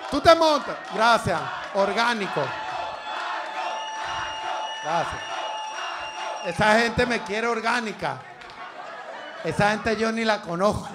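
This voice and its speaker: A man's voice: high voice, animated, takes it slowly, pauses often, heavy background noise. A man with a Venezuelan Spanish accent doing a live stand-up set on a comedy club stage, crude, profane and teasing the crowd.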